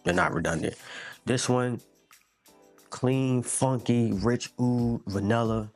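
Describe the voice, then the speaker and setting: A man's voice: mid-range voice, slow pace, a little mellow, faint music behind. A man giving a casual fragrance review in a laid-back, slangy way, often repeating himself and calling the listener "man".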